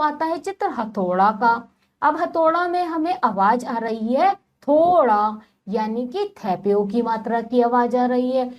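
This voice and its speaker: A woman giving a slow, patient phonics lesson to young children, spelling words out syllable by syllable. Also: high voice, a little mellow. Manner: repeatedly addresses the children. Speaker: teacher.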